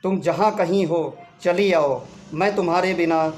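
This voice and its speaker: A man's voice: sits high, measured pace, a little mellow. A man playing a sentimental middle-aged husband. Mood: pleading. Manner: tender, pleading.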